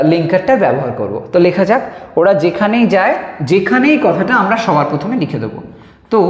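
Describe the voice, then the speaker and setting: A male teacher walks through grammar examples with patience, repeating each phrase slowly. His voice rises and falls with lively pitch. The room is roomy, with a long reverb trailing his words. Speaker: English teacher. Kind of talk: explaining grammar lesson.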